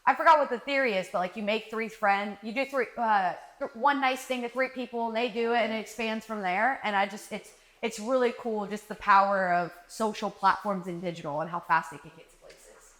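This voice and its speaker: A marketing director appears as a guest at a live podcast recording, telling stories in a casual interview. Her voice is medium-pitched and fairly quick, and she's animated, acting out quoted conversations and saying "like" often.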